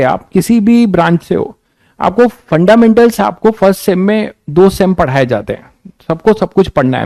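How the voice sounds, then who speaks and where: A young man with a fairly high voice lectures physics students and keeps firing rhetorical questions at them, plainly frustrated. The sound is dry and close, with no room around it. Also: a little mellow, no room sound. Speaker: physics teacher. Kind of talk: lecture with a rant.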